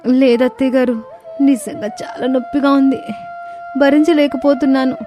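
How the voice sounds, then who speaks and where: A woman voicing a young, pregnant daughter-in-law who speaks politely and softly in a storybook tale. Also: mid-range voice, brisk, faint music behind, close to an everyday voice. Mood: pleading. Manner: polite and soft, pleading.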